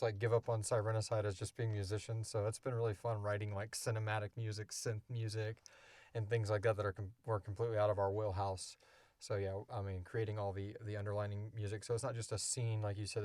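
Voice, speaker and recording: A man co-hosting his own podcast, which he co-created, explains things in a loose, rambling, off-the-cuff Q&A chat. His voice is on the low side and a little mellow, recorded dry.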